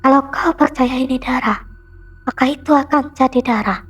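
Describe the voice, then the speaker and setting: A man voicing a mysterious, calm woman who guides travellers through a spirit world, speaking in a solemn, measured way. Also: extremely high pitch, slightly rough, highs cut off, pitched above the performer's own voice, exaggerated voice.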